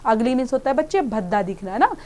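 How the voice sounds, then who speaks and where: A woman teacher with an Indian accent who reads English lines slowly and then explains them to students in a conversational way. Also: on the high side, very animated, darkish tone.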